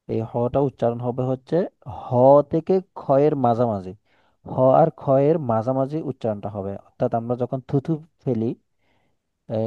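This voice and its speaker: A man's voice: mid-range voice, warm tone, no room sound. Patient male Quran teacher, dull audio. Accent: Chittagong Bengali. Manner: patient, explains slowly with repetition and examples. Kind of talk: one-on-one Quran lesson.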